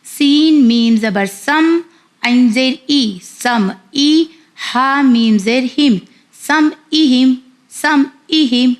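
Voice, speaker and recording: High, slow-spelling woman teaching recitation. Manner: spells syllables slowly, repeating and correcting. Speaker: Quran reading teacher.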